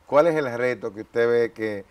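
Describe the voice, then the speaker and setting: A man's voice: medium pitch, normal speed, over a noisy crowd. A man hosting a television interview on a faith program, speaking formally with thanks and greetings.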